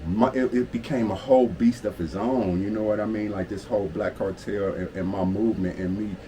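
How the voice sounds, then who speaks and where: Low-voiced man telling his story, hum behind. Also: a little fast. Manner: streetwise slang and profanity, constant "you feel me" check-ins. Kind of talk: casual storytime monologue. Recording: steady air-conditioner hum behind the voice. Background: air conditioning hum.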